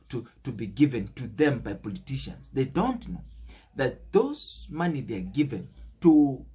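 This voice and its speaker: A young man with a Kenyan accent delivers an unscripted political monologue as a commentator, emphatic and preachy, stressing words and repeating phrases. His voice is medium-pitched, husky, and a little mellow.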